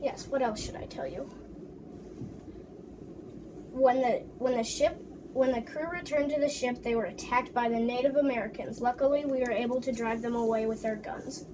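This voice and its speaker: A woman playing a proud English explorer in a first-person history presentation, reciting haltingly with restarts. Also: fairly high pitch, steady tone, lightly acted. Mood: earnest. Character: English explorer John Smith, proud man. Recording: distant mic with background noise.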